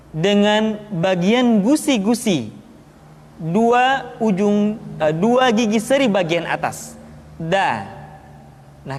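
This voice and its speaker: A woman teaching how to pronounce Arabic letters for Quran recitation. She explains each letter deliberately, then drills it in repeated syllables. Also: a little high, darkish tone, in a large hall. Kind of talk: slow instructional explanation with pronunciation drills.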